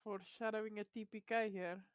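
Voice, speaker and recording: A woman's voice: medium pitch, steady tone, brisk, dry recording. Woman gamer on a dry, close recording. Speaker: player in tabletop game. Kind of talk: casual game chat.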